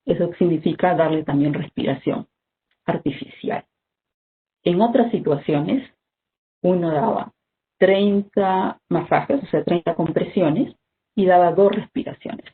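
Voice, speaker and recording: A health instructor, giving an online first-aid training talk in a measured, explanatory way, often ending points with "¿no?". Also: mid-range voice. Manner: measured, explanatory, frequent "¿no?" tags and "este" fillers. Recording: tinny phone-like video call audio with faint noise.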